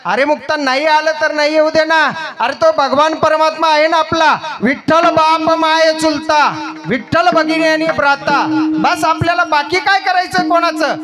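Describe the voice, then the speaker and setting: A man's voice: very high voice, fairly even intonation, moderate pace, voice pushed up. A man voicing a young elder brother who earnestly comforts his little sister. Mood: reassuring.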